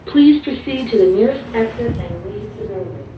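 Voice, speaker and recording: A woman's voice: a little high, animated, moderate pace, warm tone. Echoing woman's evacuation order over building speakers. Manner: formal, instructional public-address delivery. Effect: building public-address speaker. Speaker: fire alarm announcement voice. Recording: very echoey, distant alarm speaker, faint noise.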